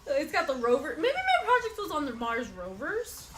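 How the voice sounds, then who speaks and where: Woman co-host, high and very bright voice, lively and bouncing, teasing banter while she plays. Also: normal speed, low-quality recording. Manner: playful, teasing, laughs often. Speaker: co-host playing a video game. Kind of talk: casual couple chat while gaming.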